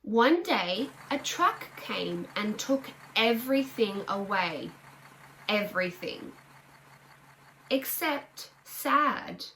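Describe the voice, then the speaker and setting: Female children's storyteller, bright and unhurried, speaking simply and directly to young listeners. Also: medium pitch, animated, slight background noise, rough recording. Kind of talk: reading a picture book aloud to children.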